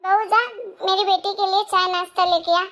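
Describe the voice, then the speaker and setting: A woman's voice: extremely high pitch, fairly even intonation, normal speed, a bit bright. A woman voicing a doting older mother. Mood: indulgent. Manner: soothing, indulgent. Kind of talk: Hindi moral story voice acting.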